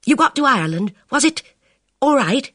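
A woman reading an audiobook, voicing an anxious, excitable young woman on the telephone in a breathless, agitated manner. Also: sits high, moderate pace, a little hiss or hum, pitched above the performer's own voice. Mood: worried.

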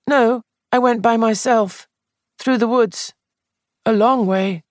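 A reader voicing a distraught young man accused of murder, pleading in a high, shaky voice. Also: fairly even intonation, takes it slowly, no room sound, studio quality, natural voice. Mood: defensive. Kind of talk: audiobook character voice.

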